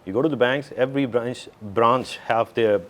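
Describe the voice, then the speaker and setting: A man's voice: mid-range voice, moderate pace, fairly bright tone. A middle-aged man with a Pakistani accent, giving conversational answers as a company executive in an interview. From Pakistan and the Middle East, mainly Saudi Arabia. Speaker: interview guest, company CEO.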